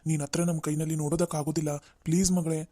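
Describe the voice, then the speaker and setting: A man's voice: on the high side, level tone, fast talker, warm tone, close to an everyday voice. A man voicing a stern middle-aged father in a cartoon family drama, blaming and lecturing.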